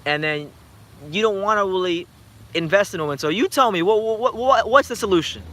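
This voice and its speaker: A man in his twenties hosting a boxing channel, chatting late at night and answering viewer comments in an animated, rambling way with many restarts. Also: high voice, brisk. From United States. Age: 20s. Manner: animated, rambling, frequent repeated starts. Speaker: YouTube boxing channel host.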